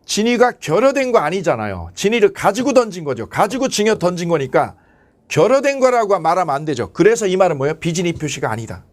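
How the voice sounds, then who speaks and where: A man teaching an exam-prep law class, asking quick questions and answering them himself. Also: sits high. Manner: animated, asks and answers his own questions. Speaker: lecturer.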